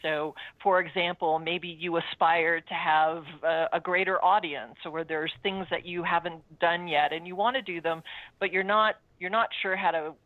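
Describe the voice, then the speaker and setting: Mature female coach, lowish voice, earnest conversational storyteller, thin phone-like sound. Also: fairly even intonation, normal speed, dry recording. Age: 50s or older. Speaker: coach, interview guest. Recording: dry, phone-like narrow-band sound.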